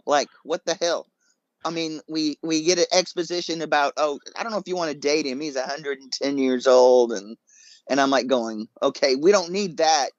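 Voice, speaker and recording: Man, blunt podcast co-host, slightly high voice, dry close recording. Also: fairly even intonation, moderate pace, no echo, highs cut off. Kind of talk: casual movie review chat.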